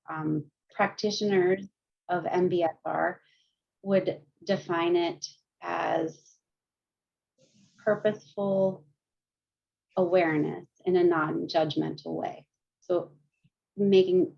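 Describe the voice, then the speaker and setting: Over a video call, a woman counselor guides a group through mindfulness and gentle yoga, speaking calmly and laughing lightly often. Her voice is fairly low with vocal fry, and the call audio is muffled and lo-fi.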